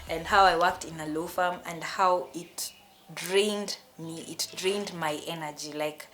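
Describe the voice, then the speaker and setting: A young woman with a Kenyan accent tells a personal storytime vlog in a lively, emotional way, often restarting her sentences. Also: fairly low pitch. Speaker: vlogger.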